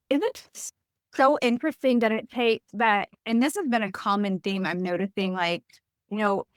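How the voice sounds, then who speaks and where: A young woman hosts a podcast conversation, eager and chatty, and often says "like." Her voice sits at a middling pitch and is recorded dry and close. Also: no echo. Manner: enthusiastic, chatty, filler-heavy questions. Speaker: podcast host. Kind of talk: casual conversational interview.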